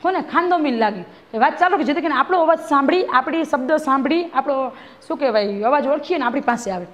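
A woman's voice: high-pitched, expressive, fast talker, dull audio. A woman schoolteacher, reading a textbook lesson aloud to a class and re-explaining each line, often checking that the pupils follow. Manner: reads a line then re-explains it, often asking "બરાબર છે?".

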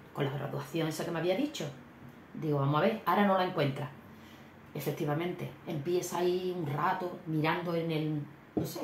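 Woman, middle-aged, low voice, animated storytelling, echoey room. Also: a little hiss or hum. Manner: chatty, animated, exclamatory anecdote telling. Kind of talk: casual storytelling vlog. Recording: echoey room with faint ambience.

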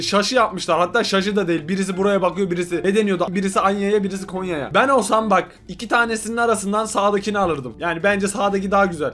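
A man's voice: high-pitched, a bit bright. A man hosting a reaction video, commenting on photos in a casual, exasperated and joking way, often laughing.

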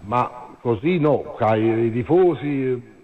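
A man calling in to a live show over a phone line, talking in a halting way with many fillers and repeats. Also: mid-range voice, animated. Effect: heard over a phone line. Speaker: caller. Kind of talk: phone-in chat about football. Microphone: mobile phone.

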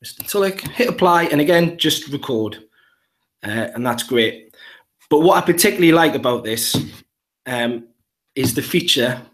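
A man's voice: mid-range voice, lively intonation, normal speed, pauses often. A man with a Geordie accent, a primary school teacher, walking through an app demo step by step in an upbeat way. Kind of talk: live app demonstration.

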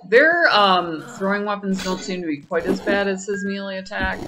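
A woman's voice: medium pitch, moderate pace, noisy background. A woman chatting through a video game as its streamer, playful and wry, often exclaiming.

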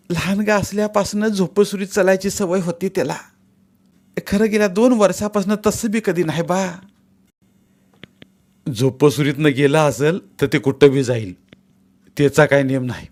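A stern elderly farmer, put on by a male narrator in a spoken story. He scolds and gives brisk orders in a somewhat raised, firm voice. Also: high-pitched, a little mellow, pitched above the performer's own voice.

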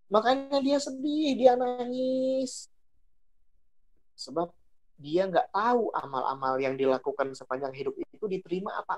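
A woman giving a casual religious talk. She repeats phrases for emphasis and swings her delivery expressively. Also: fairly low pitch. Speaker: religious speaker.

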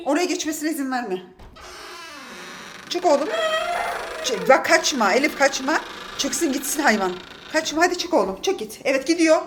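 A woman's voice: sits high, lively intonation, moderate pace, background noise. Flustered mother laughing through chaos. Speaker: mother filming her kids. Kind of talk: casual family vlog. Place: apartment home indoors.

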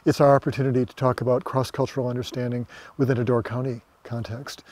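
A middle-aged man leading a theater company, speaking in a measured, formal way. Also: mid-range voice, little pitch movement, darkish tone. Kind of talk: documentary interview.

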